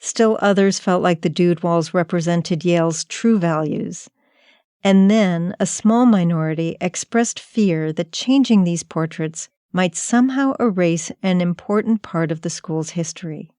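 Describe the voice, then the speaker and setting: A woman hosting a documentary podcast, narrating in a measured, reflective storytelling manner. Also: on the low side, warm tone, smooth, no echo, clean studio sound. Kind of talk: scripted narration.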